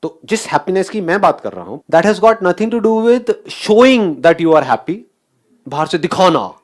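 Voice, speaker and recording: A man's voice: high voice, very animated, measured pace. A man giving a motivational talk, asking the audience questions and mixing English phrases into his speech. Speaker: motivational speaker.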